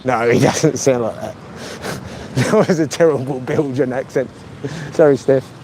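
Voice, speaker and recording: A middle-aged man chats on a casual live stream from his phone while walking by a lake. He rambles, corrects himself and pokes fun at himself, with a voice of ordinary pitch. Faint outdoor noise hums behind him. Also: normal speed. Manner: chatty, meandering, self-deprecating, many fillers.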